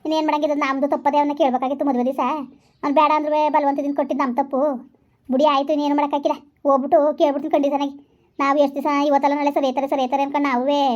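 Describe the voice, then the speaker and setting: This is a tired, worried village parent in a homemade family skit, as a woman puts on a lower voice. The lament is slow and resigned, in rural Karnataka Kannada. The voice carries no flicker of hope. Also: darkish tone, lightly acted. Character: worried middle-aged village parent of a bride.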